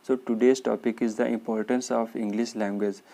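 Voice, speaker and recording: Guy from uttar pradesh starting his speech, mellow low-key voice, real slow. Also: flat delivery, gravelly. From Uttar Pradesh, India. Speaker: student giving a speech. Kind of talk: recited practice speech.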